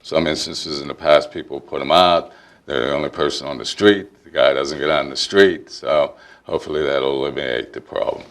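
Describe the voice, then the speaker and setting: A man's voice: a bass voice, brisk, fairly bright tone. A man speaking as a municipal official, answering residents' questions at a council meeting in a matter-of-fact way.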